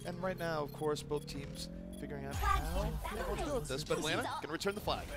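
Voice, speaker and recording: A man with a high, very lively voice explains an esports match at speed. His pitch swings widely as he analyzes the plays, and he laughs easily between points. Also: fast, over loud music. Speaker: esports commentator. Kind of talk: esports color commentary.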